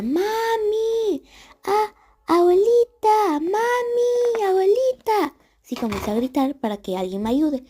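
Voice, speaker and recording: A woman's voice: medium pitch, mellow. Young woman telling a chatty storytime. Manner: chatty, many fillers, whispers at tense parts. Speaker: storytime vlogger. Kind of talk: casual storytime narration.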